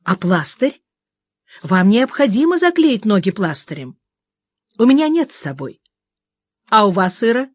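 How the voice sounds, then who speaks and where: Audiobook: woman doing a courteous, commanding middle-aged gentleman, lowered and dry-sounding. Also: big pitch swings, a little slow, long pauses, breathy edge, no room sound. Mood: brisk, courteous. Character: gruff polished middle-aged male neighbor. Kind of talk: audiobook character voice.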